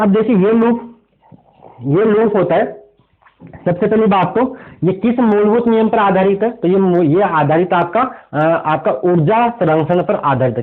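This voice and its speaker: High-voiced male teacher on tinny audio. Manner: explains step by step, poses rhetorical questions to students. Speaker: physics teacher. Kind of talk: exam revision lecture at a board.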